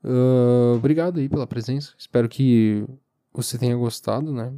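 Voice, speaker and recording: Mellow, sleepy young Brazilian man rambling. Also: medium pitch, steady tone. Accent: southern Brazilian. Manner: informal, halting and meandering, with swearing. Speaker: podcast host. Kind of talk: casual solo monologue, rambling. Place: recorded lying down, alone.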